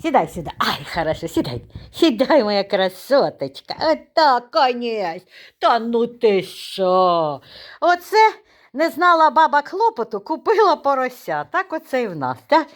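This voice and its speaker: Lively woman chatting at home. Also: fairly high pitch, a little slow. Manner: lively, teasing, talks to the dog in baby talk. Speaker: vlogger. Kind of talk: casual home vlog chat.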